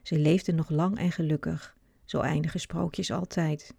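A woman reads a children's book aloud in a clear, expressive way. Her voice is low and gravelly, and the recording is close and dry. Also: moderate pace, no echo. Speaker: storyteller.

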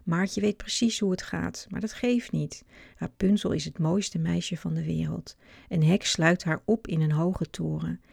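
A woman reading a children's book aloud with clear, expressive narration. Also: fairly low pitch, unhurried, no room sound, studio quality. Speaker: storyteller.

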